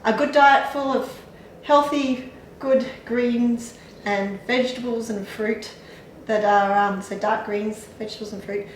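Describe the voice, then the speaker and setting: Chatting casually about vitamins and herbs, a woman on clinic staff offers supplement advice, explaining with frequent fillers and light laughs. Her slightly high voice is steady and measured, with a little hiss or hum, captured by a distant mic in an echoey room.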